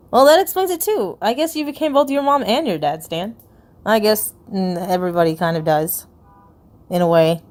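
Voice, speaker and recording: A woman giving casual, giggly commentary while browsing a video game's hidden files. She reacts out loud and stumbles as she reads. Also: medium pitch. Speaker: video game YouTuber.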